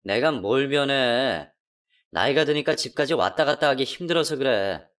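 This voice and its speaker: A man voices an unfaithful middle-aged husband in a radio drama, his speech low and hushed. He sounds guilty and evasive. The mic sits a little distant. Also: lively intonation, moderate pace, close to an everyday voice.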